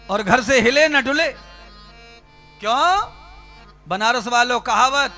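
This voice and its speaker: A man's voice: very high-pitched, sharp tone. A man giving a religious sermon, speaking fervently and rhetorically and addressing his listeners directly. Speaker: spiritual preacher. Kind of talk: Hindi religious discourse.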